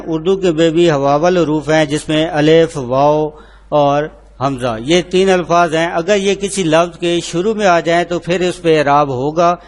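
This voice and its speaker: A man teaching an online lesson, spelling words out letter by letter in a slow, deliberate way and answering his own questions. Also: fairly high pitch. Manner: repeats filler phrases, asks and answers himself.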